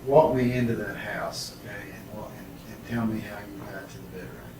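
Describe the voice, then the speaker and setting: A man's voice: lowish voice, fairly even intonation, a little fast. A man questioning someone as a police interrogator, methodical and probing, repeating answers back. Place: echoey interrogation room, far mic. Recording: echoey room, distant mic, heavy noise.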